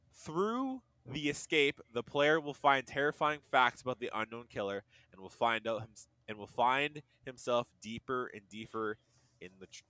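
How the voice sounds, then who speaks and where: A man's voice: mid-range voice, pushed and bright, no echo. A man co-hosting a casual podcast, reading game listings aloud, laughing often and tripping over his words. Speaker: podcast co-host.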